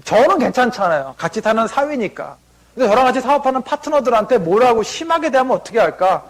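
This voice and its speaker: A man giving a motivational seminar talk before an audience, telling family stories and acting out what relatives said. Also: high-pitched. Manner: anecdotal, acts out family members' lines in quotes.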